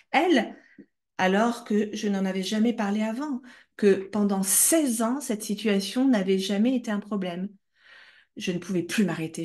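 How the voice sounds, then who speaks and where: A woman's voice: medium pitch, a little mellow. Woman, book club host, reading a novel aloud, dramatic and intense. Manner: dramatic, emotionally charged reading.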